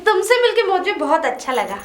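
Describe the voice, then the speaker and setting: An actress playing a scheming young wife who taunts and bosses the new bride. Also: female voice, extremely high pitch, sing-song, brisk. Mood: taunting. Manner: taunting, mocking. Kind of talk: low-budget Hindi drama acting. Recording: echoey room.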